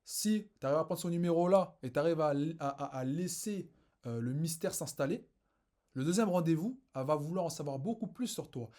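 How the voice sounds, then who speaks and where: A man's voice: expressive, normal speed, warm tone. Emphatic man giving dating advice. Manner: emphatic, swinging pitch, repeats phrases. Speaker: dating coach. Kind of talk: casual street coaching advice.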